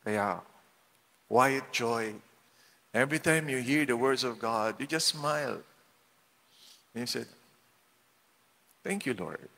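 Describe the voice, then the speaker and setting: A Filipino man with a Filipino accent, a parish priest giving a playful, animated homily in a large church. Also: mid-range voice, takes it slowly, vocal fry, pauses often. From Philippines. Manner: animated, playful, acts out quotes. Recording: long reverb of a church hall.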